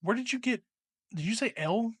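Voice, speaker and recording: A man's voice: very high voice, expressive, normal speed, a loud crowd. A man co-hosting a wrestling podcast, chatting casually, loose and profane, laughing often. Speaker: podcast co-host. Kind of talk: casual chat.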